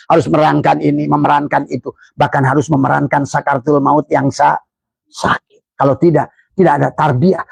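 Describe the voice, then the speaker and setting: A man with an Indonesian accent, giving an emphatic Islamic sermon as a religious teacher, his pitch often climbing for emphasis. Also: gravelly, breathy edge, dry recording. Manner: preaching with rising emphatic pitch.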